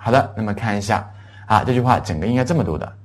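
A middle-aged man runs a classroom English lesson in a fairly low voice. He spells out words letter by letter and says each phrase slowly, then says it again for students to repeat. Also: lively intonation. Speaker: English teacher.

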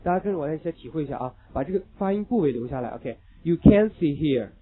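Male English teacher, fast and emphatic, slightly high voice, lo-fi phone-like recording. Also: animated, husky. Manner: emphatic, repeats key points, joking asides. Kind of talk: classroom lecture.

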